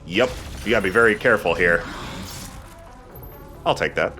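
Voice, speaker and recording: Faint music sits behind this let's play host, whose low voice is bright and forceful at a normal pace. Over game sound and clear background noise, he chats casually with self-deprecating banter.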